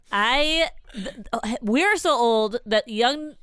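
A woman in her thirties chats on a podcast in a smooth, ringing voice, slightly high and self-mocking. The sound is dry and close. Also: expressive, very slow, fairly bright tone, no echo. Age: 30s. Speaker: podcast co-host. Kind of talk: casual chat.

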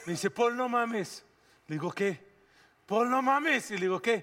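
Mexican man, co-host, rowdy banter, crude jokes, high bright voice, long reverb. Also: lively intonation, a little slow. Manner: crude joking storyteller.

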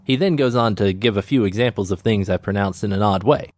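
A man hosting a science podcast, answering listener comments and explaining calmly and clearly. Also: on the low side, fairly quick, dry recording, clean studio sound. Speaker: podcast host.

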